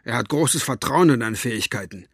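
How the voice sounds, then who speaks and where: A man's voice: mid-range voice, animated, fairly quick, gravelly, breathy edge, no echo, clean studio sound. A man doing a broad, coarse thug. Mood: smug. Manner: coarse, blunt.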